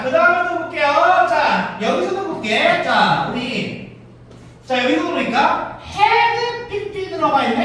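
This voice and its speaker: A male English grammar teacher giving a classroom lesson, constantly quizzing his students with quick questions. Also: extremely high pitch, fairly bright tone, slight background noise. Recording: echoey room, mic far off.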